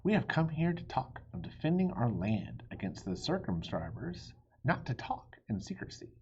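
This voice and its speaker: Man doing an irritated storybook king, pitched up. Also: big pitch swings, normal speed, darkish tone, slightly rough, lo-fi sound, full character voice. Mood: stern. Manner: formal, complaining.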